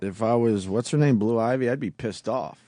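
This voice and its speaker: A man's voice: mid-range voice, brisk, mellow, dry recording. Dry-miked man needling on talk radio. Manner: skeptical, needling, profane. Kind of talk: casual radio banter.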